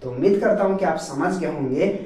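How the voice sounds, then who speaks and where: A man's voice: on the high side, a little fast, darkish tone. Man teaching, echoey and far off. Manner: repetitive, checks understanding often. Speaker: English teacher and channel host. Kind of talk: spoken video lesson. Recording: echoey room, distant mic.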